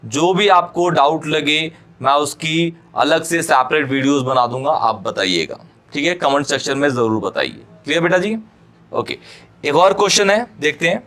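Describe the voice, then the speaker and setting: A male chemistry teacher giving an exam-prep lecture, often checking that students follow and repeating key phrases slowly for them to note down. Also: fairly high pitch, lively intonation, a bit bright. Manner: keeps checking understanding, addresses students fondly.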